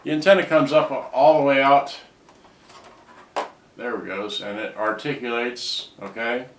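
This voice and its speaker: Presenting his own restored cassette players in a casual hands-on demo, this man speaks a little slowly in a mid-range voice. His sentences ramble and frequently trail off, captured by a distant mic that makes the sound roomy and noisy.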